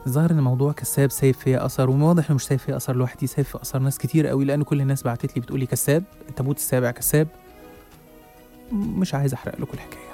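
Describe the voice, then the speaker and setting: A man's voice: mid-range voice, warm tone. A young man with an Egyptian accent narrating a first-person horror story in a dramatic way, with hesitant restarts. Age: young adult. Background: faint music.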